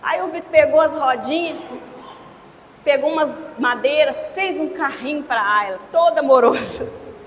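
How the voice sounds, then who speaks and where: A woman's voice: sits high, moderate pace, slight background noise. A woman preaching a sermon in a church, telling stories and talking directly to her congregation. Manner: storytelling, conversational asides to the congregation. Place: church hall. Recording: echoey church hall.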